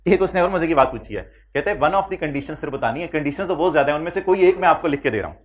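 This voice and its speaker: Pakistani guy teaching accounting, lively, keeps quizzing the class. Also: on the high side. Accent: Pakistani Urdu. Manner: animated, quizzing students with rapid questions. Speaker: accounting lecturer. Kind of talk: classroom lecture.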